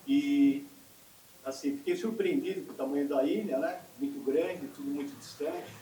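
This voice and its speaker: A man's voice: a little high, moderate pace. Rambling older man in an echoey hall. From Brazil. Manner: warm and rambling, with frequent "né?". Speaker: audience member giving a testimony. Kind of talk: personal testimony. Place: union meeting hall. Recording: echoey hall, voice from far off, noisy.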